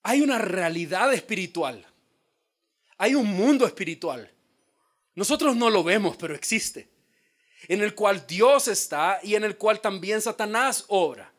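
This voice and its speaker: A male pastor preaching a sermon in a dramatic style, dropping to a hush and then rising to shouts. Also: high voice. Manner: dramatic, acts out quoted voices, swings from hushed to shouted.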